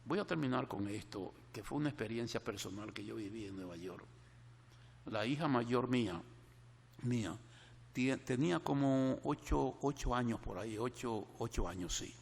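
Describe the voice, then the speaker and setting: A man's voice: mid-range voice, normal speed, creaky, husky, big-room sound. An older man preaching a sermon meditation, earnestly repeating key phrases for emphasis as he tells a personal story.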